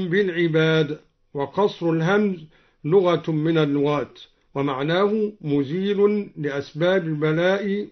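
A man on a radio program explaining Quranic readings, alternating measured speech with slow, melodic chanting of the verses. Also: high-pitched. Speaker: Quran teacher. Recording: dull old radio broadcast recording.

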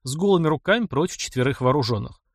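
A man's voice: a little high, animated, fast talker, dry recording, studio quality. A man voicing a blunt, earnest young male engineer who speaks plainly and directly.

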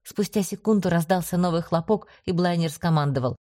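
A woman narrating a first-person story in a steady, even audiobook reading. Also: fairly low pitch, brisk, no echo, clean studio sound.

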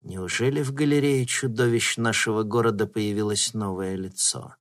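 A man's voice: mid-range voice, normal speed, slightly rough, lightly acted. A man playing a polite, guarded company president who turns worried, in an audiobook.

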